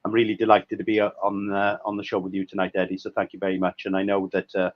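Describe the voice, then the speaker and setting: A Welsh man in his thirties appears as a guest historian on a video call, speaking hesitantly with many fillers and restarts. His voice is deep and completely flat, he talks fast, and the audio is dry and slightly muffled with no echo.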